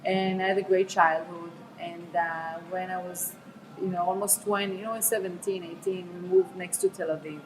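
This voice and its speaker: A woman's voice: lowish voice, little pitch movement, moderate pace, background noise. A woman in her thirties from Israel, chatting casually as an interview guest with many fillers and restarts. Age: 30s.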